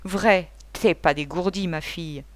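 A woman's voice: lowish voice, measured pace, no room sound, close to an everyday voice. A woman voicing a coarse old male drunkard in an audiobook, bellowing and vulgar. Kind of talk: audiobook character voice.

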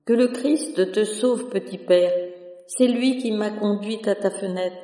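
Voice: mid-range voice, a little slow, dark tone, recorded from a distance, natural voice. A storyteller voicing an exhausted, penniless young peasant mother in a storybook reading, speaking humbly and pleadingly. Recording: echoey room with long reverb.

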